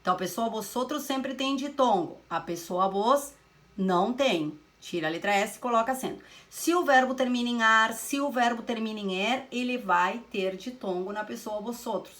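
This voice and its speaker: A woman's voice: on the high side, normal speed, a bit bright. A woman teaching Spanish grammar, explaining step by step and answering her own questions. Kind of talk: recorded classroom lesson.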